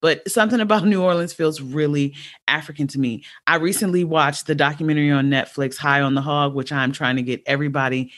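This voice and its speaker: A woman in her forties hosting a podcast, chatting casually and thinking aloud, with many restarts and sudden jumps up in pitch. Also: fairly even intonation, a little fast. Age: 40s. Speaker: podcast host and educator. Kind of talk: casual conversational interview.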